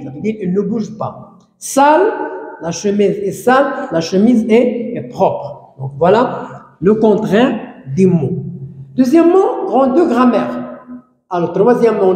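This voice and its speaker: A man teaching a grammar lesson, explaining slowly and repeating phrases while stressing key words. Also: high-pitched, darkish tone. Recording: echoey room, long reverb.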